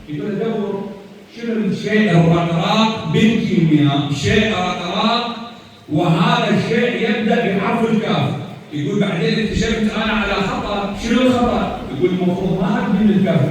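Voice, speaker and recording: A man's voice: high voice, a little hiss or hum. A man with an Iraqi accent delivering a mourning sermon in a large hall. He asks the crowd questions and answers them himself. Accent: Iraqi Arabic. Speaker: preacher. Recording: echoey hall, distant mic.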